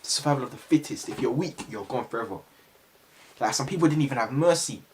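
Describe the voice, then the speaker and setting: A man's voice: medium pitch, quick pace, slight background noise. A young man telling a story to camera in a casual, slangy way. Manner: animated, slangy, bursts of shouted sound effects.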